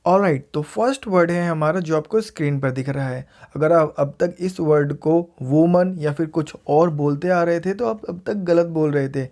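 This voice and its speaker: A man with an Indian English accent, a teacher, gives a casual video lesson in pronunciation and says each word slowly and clearly more than once. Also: fairly high pitch, darkish tone. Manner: repeats words slowly and clearly for learners.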